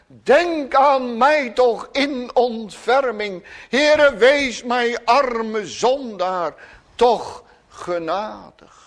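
A man preaching, voicing a blind male beggar who slowly and solemnly pleads for mercy. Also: extremely high pitch, fairly bright tone, heavily acted. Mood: pleading. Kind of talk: sermon.

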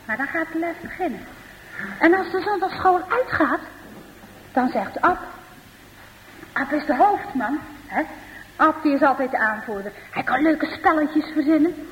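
High-voiced woman telling a children's story. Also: unhurried, pauses often, slight background noise. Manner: lively, with frequent tag questions and voiced dialogue. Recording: dull recording in a reverberant hall.

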